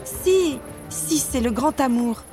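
Woman doing an eager, high young princess. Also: animated, takes it slowly. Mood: pleading. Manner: bright pleading girlish delivery. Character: eager young princess, warm-hearted and impulsive. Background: music.

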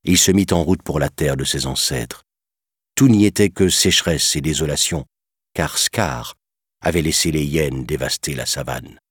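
A man reading a storybook aloud in a calm, measured narration. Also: extremely low pitch, breathy edge, no echo, studio quality.

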